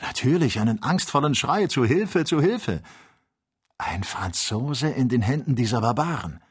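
A man voicing an eager, excitable young traveler who speaks in an urgent, raised voice. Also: mid-range voice, moderate pace, breathy edge, voice pushed up. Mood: agitated.

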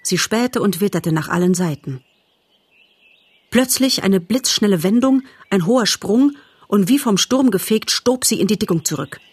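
A woman reading a storybook aloud as narrator, calm and measured. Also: mid-range voice, slightly rough, no room sound. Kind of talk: audiobook narration.

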